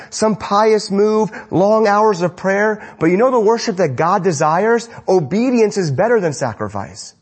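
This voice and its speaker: A male pastor delivers a sermon in a lively, conversational manner. His voice is husky and sits a little high for a man, and his pitch rises and falls widely as he makes his points. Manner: animated, conversational preaching.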